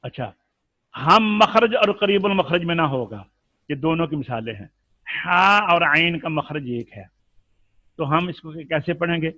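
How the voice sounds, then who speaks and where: A man teaching Quran recitation rules in a live lesson with an Urdu accent, explaining patiently and then chanting the examples slowly. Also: a little high, lively intonation, pushed and bright, dry recording.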